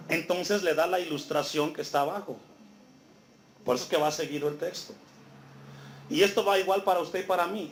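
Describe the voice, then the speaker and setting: High-voiced man preaching in an echoey church. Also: slight background noise. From Mexico. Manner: asks the congregation to fill in words, reads scripture aloud. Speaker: pastor. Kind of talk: sermon.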